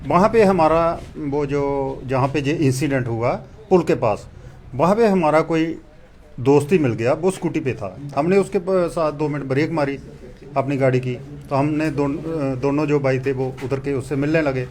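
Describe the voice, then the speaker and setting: A man's voice: a little high, a little mellow. Man, faint noise behind. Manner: measured, step-by-step account. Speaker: interviewee.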